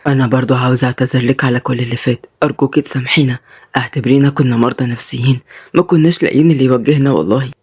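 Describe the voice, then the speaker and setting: A woman voicing a repentant former mafia boss, a young man speaking gently and earnestly in Egyptian Arabic. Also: a bass voice, fairly even intonation, rapid-fire, breathy edge, pitched below the performer's own voice. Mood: tender.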